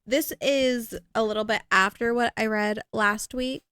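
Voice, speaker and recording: A woman's voice: on the high side, fairly even intonation, measured pace, fairly bright tone, clear, resonant tone, no room sound. Rambling woman podcaster, dry close sound. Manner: rambling, filler-heavy, self-deprecating. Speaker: podcast co-host. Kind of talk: casual chat.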